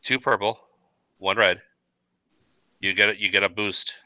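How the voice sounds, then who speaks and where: A man's voice: on the low side, steady tone, a little slow, bright, forceful tone, dry recording. A man running a tabletop role-playing game, setting scenes like a camera panning and often repeating words as he goes. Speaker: game master.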